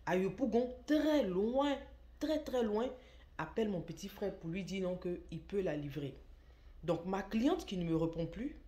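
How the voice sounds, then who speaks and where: A woman's voice: fairly low pitch, mellow. A woman who runs an online shop, telling a story in a casual, emphatic way and repeating words for stress. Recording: echoey room.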